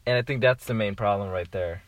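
A young man chatting casually about TV shows, animated and often trailing off mid-thought. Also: on the low side, fairly quick, dry recording.

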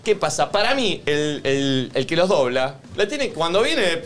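An Argentine man hosting a casual studio chat, telling stories in an animated, slangy way and often cutting in. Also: on the high side, slight background noise. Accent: Argentine Spanish. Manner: animated storyteller, slangy, quick to interrupt. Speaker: host.

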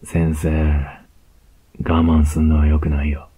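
A man with a Kansai accent playing a cocky young male student who teases his teacher, in a whispered role-play with a slow, close murmur. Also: rumbling low, monotone, slight background noise. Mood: teasing. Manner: slow, close, teasing murmur with soft laughs.

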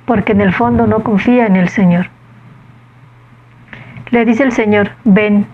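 A woman's voice: fairly high pitch, unhurried, lo-fi sound, a little hiss or hum. A woman giving a conversational Gospel reflection, often asking her listeners questions. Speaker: preacher.

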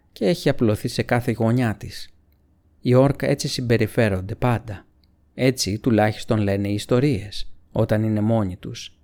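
A grave, thoughtful hobbit from a storybook, voiced by a male narrator, keeping his words low and hushed. He sounds calm and earnest, with a slightly gravelly texture. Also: lightly acted.

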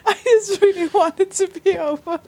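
A woman's voice: very high voice, normal speed, dark tone. A woman hosting a podcast in casual, informal chat, with a giggly way of talking. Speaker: podcast host.

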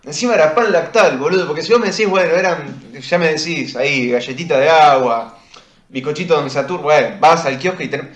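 A man's voice: on the high side, brisk, fairly bright tone, highs cut off. A man with an Argentine accent rambling through a school story in a casual chat, swearing and laughing at himself. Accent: Argentine Rioplatense Spanish. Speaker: podcast co-host. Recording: echoey room with faint noise.

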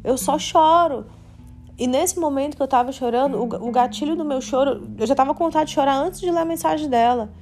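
Soft music plays behind a Brazilian woman in her late twenties hosting a podcast. She talks fast with few pauses, her high voice warm in tone. Her candid monologue is confessional and faith-centered, peppered with casual slang.

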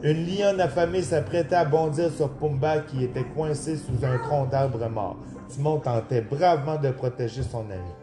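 A man narrating a storybook aloud in an expressive, lively reading. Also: a little high, normal speed, hardly any pauses. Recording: roomy, clear background music.

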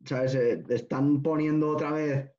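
A man hosting a casual chat, relaxed, swearing casually with many restarts. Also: fairly high pitch, a little slow. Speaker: host. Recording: dull lo-fi sound.

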